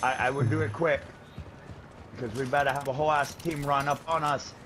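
A man's voice: on the high side, fairly even intonation, a little fast, fairly bright tone, a little hiss or hum. A man playing a video game with a friend, talking casual trash with cocky, profane slang. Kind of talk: casual gaming trash talk.

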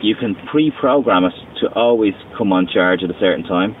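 A low-voiced man in his thirties walks through a car's controls one step at a time, patient and methodical. He sits a little away from the mic inside a parked car. The sound is thin and phone-like, with a faint hiss underneath. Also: lively intonation, brisk. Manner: patient, step-by-step explaining with restarts. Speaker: car company representative. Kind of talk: explaining car features, demonstration. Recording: distant, tinny, lo-fi with faint noise.

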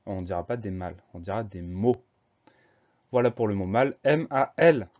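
A man's voice: fairly low pitch, lively intonation, moderate pace, a little mellow, dull audio. A man teaching a spelling lesson, patiently explaining words and spelling them out letter by letter.

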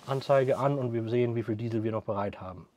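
A man, explaining the camper cabin he builds in a quick, matter-of-fact way, often adding a questioning "ne?" and letting his sentences trail off quietly. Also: mid-range voice, a little hiss or hum. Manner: fast, trailing off at sentence ends, frequent tag "ne?". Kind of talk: explaining a product in an interview. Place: inside a small pickup camper cabin.

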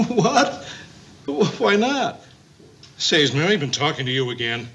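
A vain, needy middle-aged sitcom boyfriend with theatrical bluster. His voice sits on the high side and swings widely in pitch. The vintage TV studio recording has clear background noise. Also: sing-song, measured pace, fairly bright tone, full character voice. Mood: disbelieving. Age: 50s. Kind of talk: 1970s multi-camera sitcom acting. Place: TV studio set, indoors. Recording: noisy vintage TV studio soundtrack.

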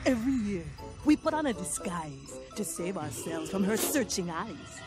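A woman voicing a wise, mysterious zebra mare who speaks slowly and only in rhyme. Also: medium pitch, sing-song, natural voice. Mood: spooky. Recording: over loud cartoon music.

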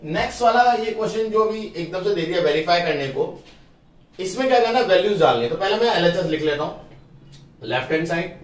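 Math teacher in a roomy room. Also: male voice, high-pitched, recorded from a distance. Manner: talks through each step of the working, asks pupils if it is clear. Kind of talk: casual classroom explanation. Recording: roomy, from off the mic.

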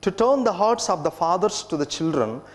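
A man in his thirties, a priest giving a solemn, measured scripture reading at Mass in an echoing church. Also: sits high, animated. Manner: measured, formal delivery. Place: inside a church at the lectern. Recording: echoing church with long reverb.

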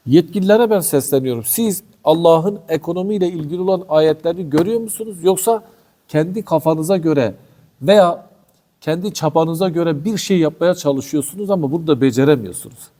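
A man's voice: a little high, warm tone. A man giving a passionate religious commentary talk as a teacher, scolding and full of rhetorical questions. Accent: Turkish.

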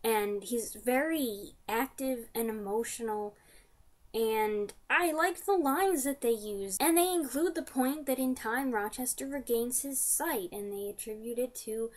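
In a small furnished room, a woman in her twenties chats casually to camera, giving an enthusiastic fan review of a radio drama in informal slang. Her voice is on the high side and a little slow.

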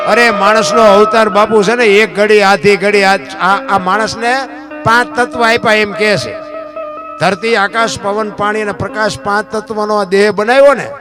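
A man preaches a folksy dayro sermon. His voice sits high, and he keeps turning to his listeners with rhetorical questions. Clear guitar playing runs behind him. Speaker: dayro storyteller. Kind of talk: folk sermon with sung verses.

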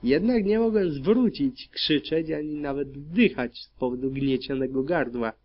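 A man narrating dark fan fiction in the first person as an audiobook, reading in a grim, steady manner. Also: on the high side, measured pace. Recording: dull lo-fi recording.

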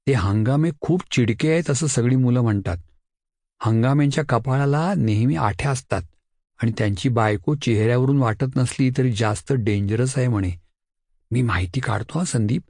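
A man voicing an eager, mischievous schoolboy who talks in a bright, pleading, chatty way. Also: medium pitch, moderate pace, no room sound, studio quality, natural voice. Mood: curious. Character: mischievous helpful schoolboy, eager and quick-witted.

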